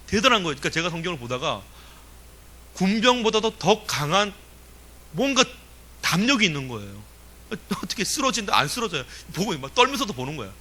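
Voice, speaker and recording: A man preaching a sermon in a lively, emphatic way, asking the congregation questions and chuckling now and then. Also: sits high, brisk, pauses often, slight background noise. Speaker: pastor.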